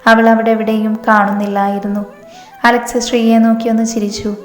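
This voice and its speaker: A woman storyteller narrating a romance story in a steady, even manner. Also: on the high side, brisk. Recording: echoey room, long reverb, faint music.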